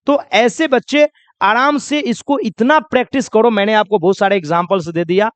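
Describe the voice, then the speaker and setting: A man's voice: high voice, normal speed, no room sound. A man teaching spoken English in a lesson, drilling example sentences and asking and answering his own questions. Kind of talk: classroom lesson.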